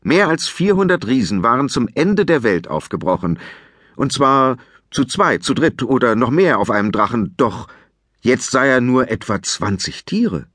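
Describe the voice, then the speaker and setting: A man reading a children's audiobook aloud with expressive, scripted storytelling narration. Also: medium pitch, normal speed, no room sound, clean studio sound. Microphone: close studio mic.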